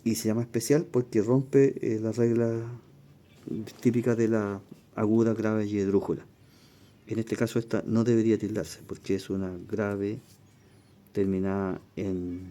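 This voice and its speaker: A man leads an exam review lesson, reading passages and then walking through each rule patiently and repeating it. His voice sits fairly low and sounds very dark and mellow. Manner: explains step by step, repeats rules, reads passages aloud. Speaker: language teacher.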